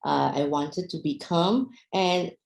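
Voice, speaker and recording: A chatty young woman talks to an online audience, full of fillers and questions. Her voice is low and gravelly with fry. The room around her is echoey. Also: takes it slowly, darkish tone. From Myanmar, raised in Singapore. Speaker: speaker at an online business talk. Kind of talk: casual presentation to an online audience.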